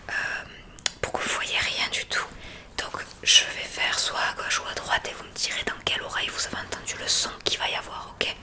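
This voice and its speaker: In a whispered ASMR roleplay of a hearing exam, a woman acting as the examiner speaks directly to the listener in a breathy, unvoiced whisper.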